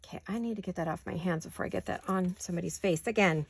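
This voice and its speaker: A woman with a fairly low, gravelly voice talks fast, and there's a little hiss or hum in the audio. She hosts a crafting channel and chats casually while she works, often talking to herself. She has the hiccups.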